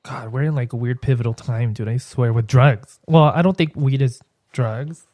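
A man's voice: medium pitch, normal speed, dark tone, no room sound. A man with a Mexican Spanish accent, chatting casually as a podcast guest and rambling through stories with lots of restarts. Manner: rambling, hesitant storytelling with many restarts. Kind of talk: casual chat.

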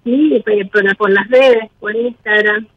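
A woman's voice: medium pitch, a little slow, dry recording. Woman on a distorted bluetooth headset. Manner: hesitant, soft-spoken, with many fillers. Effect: distorted wireless headset on a phone call. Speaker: caller. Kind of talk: call-in conversation. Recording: distorted phone-line headset audio.

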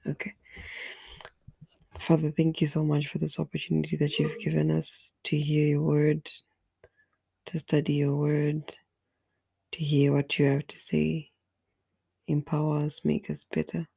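This deep, dark-toned female voice is roughly recorded. She's hoarse and raspy with flu as she earnestly guides an online Bible study, at times repeating a word as she searches for what comes next.

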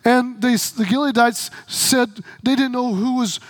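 A middle-aged man preaching a sermon, telling stories and acting out the dialogue in quick quoted voices, sometimes bursting into shouts for emphasis. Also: very high-pitched, steady tone, no room sound. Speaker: pastor.

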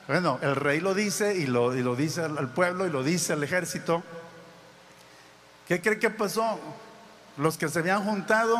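A man's voice: high voice, a bit bright, long reverb tail. A man preaching a sermon as pastor, building to emphatic exclamations.

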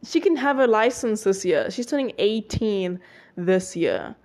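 A woman's voice: medium pitch, expressive, measured pace, darkish tone. Chatty young woman podcaster. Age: young adult. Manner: chatty, rambling, lots of fillers and self-corrections. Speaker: podcast host. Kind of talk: casual solo podcast chat.

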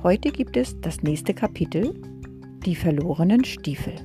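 A woman's voice: lowish voice, expressive, unhurried, mellow, faint music behind. Woman reading a children's story aloud. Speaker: reader of a children's book.

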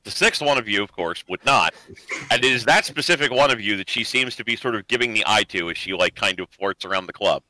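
Bright, dry-voiced male game master. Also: fairly low pitch, lively intonation, quick pace, no room sound, rough recording. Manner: loose, filler-heavy narration. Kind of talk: narrating a tabletop game.

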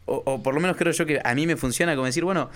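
A man's voice: on the high side, rapid-fire. A man with an Argentine accent, a podcast co-host who thinks aloud in casual conversation and leans on fillers. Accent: Argentine Spanish.

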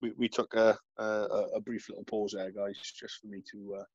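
Chatty low-voiced man. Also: flat delivery, fairly quick, a little mellow, no echo, highs cut off. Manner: chatty, says "mate" often, many restarts. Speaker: podcast co-host. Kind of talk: casual chat. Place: home workshop.

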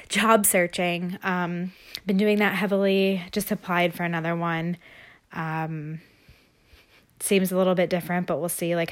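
A young woman with a slightly low voice hosts a casual solo podcast. She sounds stuffed up and a little short of breath, breathing through her mouth. Her delivery rambles along as she thinks out loud. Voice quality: congested, stuffy nose. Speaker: podcast host.

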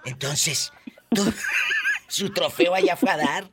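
A man's voice: high-pitched, very animated, slow pace, heavy background noise. A man hosting a call-in show, flamboyant and teasing, laughing often. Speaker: radio show host.

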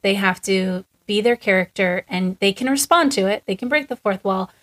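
A woman's voice: mid-range voice, normal speed, a bit bright. A woman hosting a podcast in casual conversation, chatty and enthusiastic, often chiming in to agree.

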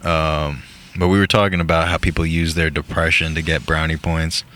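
A man's voice: very deep voice, little pitch movement, normal speed, fairly bright tone. A man hosting a casual podcast from a parked car, with a dry, reflective and teasing way of talking. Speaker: podcast host.

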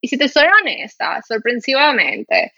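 Woman from Latin America, candid and reflective, chatty with fillers; bright tone, dry and slightly dull recording. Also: on the high side, huge pitch swings, normal speed, husky, no room sound. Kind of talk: casual conversation.

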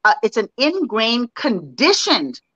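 A woman co-hosting a podcast, talking in a casual, animated way and asking her co-host for her thoughts. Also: on the high side, slow, slightly rough, no room sound. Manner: animated, conversational, asks her co-host questions. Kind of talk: casual discussion. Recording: dull lo-fi sound.

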